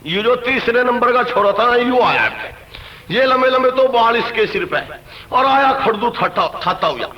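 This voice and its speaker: A man telling rustic comic stories and voicing the characters in quick dialogue. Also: very high-pitched, lively intonation. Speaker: comedian telling jokes. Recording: echoey lo-fi cassette recording.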